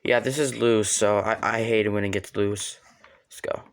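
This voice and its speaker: A man's voice: lowish voice, fairly even intonation, moderate pace, heavy background noise. A man chatting casually as he gives a hands-on equipment demonstration. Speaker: hobbyist demonstrator.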